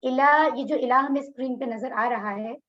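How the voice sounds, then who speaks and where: A woman's voice: on the high side, fairly even intonation, moderate pace, fairly bright tone, lo-fi sound. A woman teaching an online religious class in Urdu-accented speech. She explains words one by one, repeats their meanings and puts questions to her students. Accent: Pakistani Urdu. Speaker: Quran course teacher. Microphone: video call.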